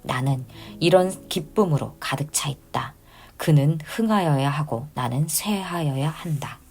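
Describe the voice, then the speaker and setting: A woman reading the words of John the Baptist as a humble male prophet, measured and plain. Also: sits low, lively intonation, creaky, darkish tone, breathy edge, full character voice. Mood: earnest.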